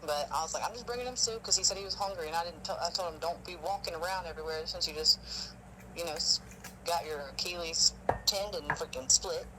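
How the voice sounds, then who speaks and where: A man's voice: fairly high pitch, fairly even intonation, fairly quick, noisy background. A man telling stories on a phone call in a rambling, emotional way. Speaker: witness. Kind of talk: casual phone conversation.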